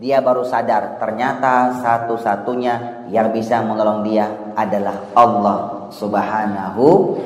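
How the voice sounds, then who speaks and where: A male preacher giving a storytelling sermon, tagging almost every phrase with a direct address to the listeners and swinging between loud and hushed. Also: on the low side, flat delivery, measured pace. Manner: addresses the audience with 'Pak' and 'Bu' after nearly every phrase. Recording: echoey hall with long reverb.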